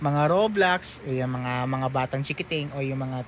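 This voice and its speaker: A man's voice: mid-range voice, animated, slow, a little hiss or hum. A man hosting a reaction video, casually reading out posts and chats with teasing, mock-scolding remarks and frequent laughter.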